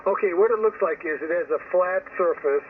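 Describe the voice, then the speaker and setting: Speaking a little fast in a high voice, an amateur radio operator wanders through a casual, opinionated chat on the air. He is heard over ham radio, where the narrowband signal is tinny and crackling with static.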